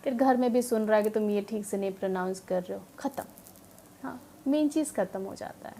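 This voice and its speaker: A woman educator giving an earnest explanatory talk to parents and teachers, often pausing on fillers and mixing English words into her speech. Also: medium pitch, gravelly, mellow, a little hiss or hum. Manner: earnest, mixes English words into Hindi, frequent filler pauses.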